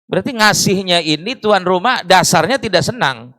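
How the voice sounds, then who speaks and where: A man's voice: high voice, animated, moderate pace, pushed and bright, dry recording. A man preaching a sermon in a mosque, explaining with rhetorical questions and Arabic phrases.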